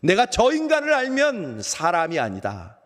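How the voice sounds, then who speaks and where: A preacher voicing a remorseful Peter. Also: male voice, huge pitch swings, normal speed, full character voice. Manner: emotional, swings from loud outbursts to hushed low phrases. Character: apostle Peter, remorseful grown man, ashamed. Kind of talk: first-person dramatic monologue in a dawn service. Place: church sanctuary. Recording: long church hall reverb.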